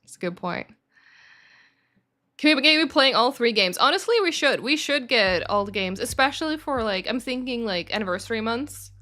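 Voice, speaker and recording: A young Swedish woman, community manager for a game studio, answers viewer questions on a casual livestream, rambling with plenty of fillers and self-corrections. Her fairly high voice is animated and sharp, at a moderate pace.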